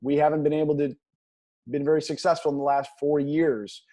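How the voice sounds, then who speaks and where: A slightly high-pitched man with a mellow, soft-edged tone, talking as a guest coach in an interview. He speaks earnestly and with motivational drive, circling back to favourite phrases as he makes his point. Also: little pitch movement, a little fast.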